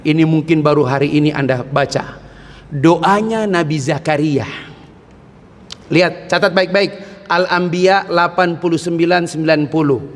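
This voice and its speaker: A man preaching at a mosque, telling animated stories with jokes and frequent exclamations. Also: high-pitched. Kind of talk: lively mosque sermon. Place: mosque hall. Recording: long mosque reverb.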